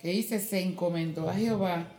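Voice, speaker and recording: A woman reading scripture aloud in a slow, measured way during a church service. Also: fairly low pitch, warm tone, soft background music. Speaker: scripture reader. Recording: echoey room.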